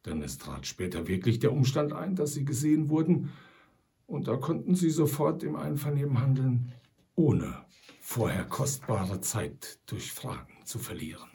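A male audiobook narrator with a dark, gravelly voice. He reads in a dramatic way, with lively swings in pitch, and sinks to a near whisper at tense moments. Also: moderate pace. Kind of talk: scripted narration.

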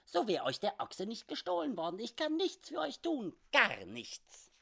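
A man doing a high, squeaky little old trapper, sly and mocking, dry and chuckling. The voice jumps high above the reader's own and swings lively through each line, an audiobook figure with a teasing streak. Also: normal speed, gravelly, husky, full character voice. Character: small wily old male frontier trapper.

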